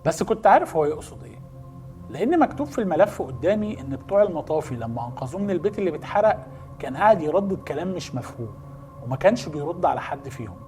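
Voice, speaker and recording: A man with an Egyptian accent narrating a first-person horror story in a brisk, suspenseful way, speaking straight to the listener. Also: on the high side, sing-song, darkish tone, faint music behind. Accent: Egyptian Arabic.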